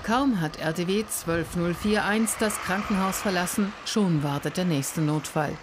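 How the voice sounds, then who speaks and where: A woman reading scripted documentary narration in an even, factual way. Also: fairly low pitch, measured pace, noisy background.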